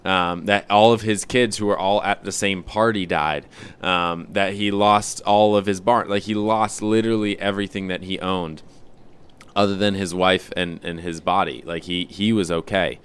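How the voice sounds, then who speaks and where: A man's voice: deep voice, moderate pace, smooth. A young man co-hosting a church podcast, talking casually and jokingly about a Bible story with lots of fillers. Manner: relaxed, jokey, full of fillers. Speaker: podcast co-host. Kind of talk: casual chat about Scripture.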